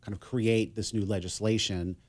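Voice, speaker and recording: A middle-aged man from Massachusetts, a guest on a radio talk show, speaking in a relaxed, conversational way with many fillers. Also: on the low side, moderate pace. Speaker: guest, business consultant. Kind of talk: casual radio interview.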